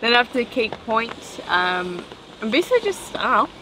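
A woman's voice: on the high side, big pitch swings, normal speed, crowd noise, poor audio. A woman co-hosting a casual travel vlog, giving short, easygoing replies.

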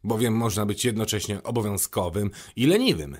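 A man's voice: fairly low pitch, animated, brisk, a little mellow, husky. A man voicing a weary, dutiful lamplighter who sounds resigned.

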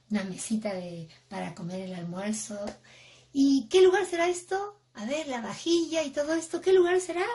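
A young woman teaching English words to small children, with an exaggerated, expressive sing-song delivery. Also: a little high. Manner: exaggerated, expressive, acting out emotions for kids.

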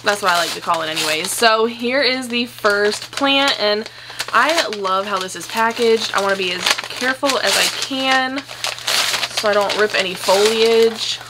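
A woman's voice: medium pitch, unhurried, very noisy. Gushing young woman unboxing plants. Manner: gushing, excitable, swears casually. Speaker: plant vlogger. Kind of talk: casual unboxing chat. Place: home.

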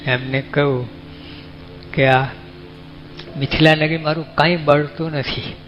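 A man's voice: fairly high pitch, fairly even intonation, a little slow, slight background noise. A man with a Gujarati accent, giving a folksy, conversational sermon as a monk, often asking his listeners questions. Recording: dull lo-fi recording with faint music.

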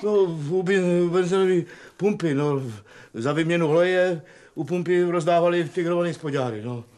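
A man's voice: high voice, darkish tone, natural voice. An actor playing an embarrassed, flustered young man who keeps protesting.

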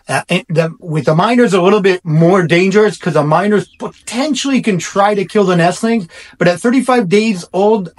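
A middle-aged man, a barn owl researcher, explains to camera in a reassuring way, often restarting his sentences. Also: high voice. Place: indoor room.

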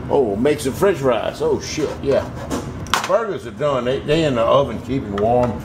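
A man's voice: mid-range voice, animated. A middle-aged man with a Southern US accent talking in a folksy, plain-spoken way as he demonstrates home cooking in a casual vlog. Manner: folksy, unhurried, plain-spoken with mild swearing. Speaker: home cook demonstrating a recipe. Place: home kitchen, indoors. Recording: clear background kitchen hum noise.

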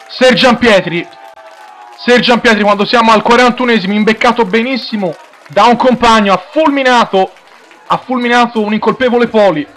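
A man with an Italian accent commentating live on football in a breathless, excited shout, repeating his phrases. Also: very high voice. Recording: crowd noise behind the voice. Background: crowd at a football ground.

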